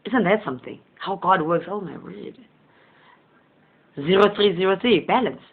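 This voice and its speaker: With a husky, mid-range voice at normal speed, the host of a motivational channel rambles through a casual spiritual monologue. Tinny, phone-style audio carries his words. A native Southern Sesotho speaker, he sounds gentle and sincere and chuckles often.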